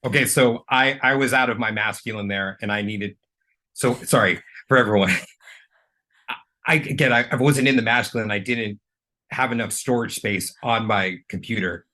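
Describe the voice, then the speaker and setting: A man hosts a casual podcast with a low, bright, forceful voice. He jokes at his own expense and apologizes easily, keeping the chat loose. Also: moderate pace. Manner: apologetic, self-deprecating joking. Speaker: podcast host.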